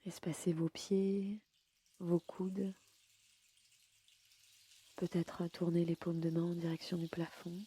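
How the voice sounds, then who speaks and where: A woman leading a guided yoga nidra sleep meditation in a slow, soft and soothing way. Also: fairly low pitch, completely flat delivery, husky.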